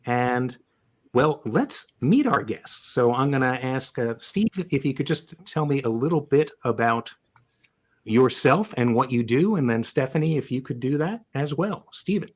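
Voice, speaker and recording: An upbeat man hosts a live online chat show. He introduces the show with jokes and a relaxed, conversational delivery. His voice sits at an ordinary middle pitch. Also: unhurried. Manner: upbeat, joking. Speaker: podcast host. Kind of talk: casual webcast hosting.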